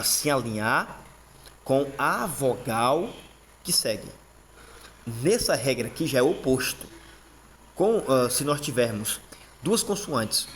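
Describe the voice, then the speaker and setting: A man with a Brazilian Portuguese accent teaching a casual lesson. He often checks in with "tá?", repeats terms and pauses on fillers. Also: medium pitch, a little hiss or hum.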